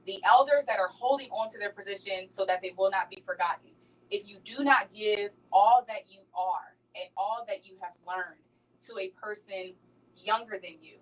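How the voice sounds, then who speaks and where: A woman's voice: mid-range voice, far from the mic, rough recording. A woman speaking as a talk show guest, passionate and emphatic, often checking in with "right?". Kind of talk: casual radio talk show chat.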